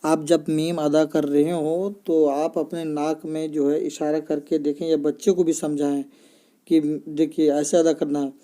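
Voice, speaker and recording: Teaching children to read Arabic letters, this man speaks in a patient, explanatory way, frequently checking on listeners and reinforcing points with "ठीक है ना." His voice is on the high side and dark in tone, fairly flat in pitch, and a little slow.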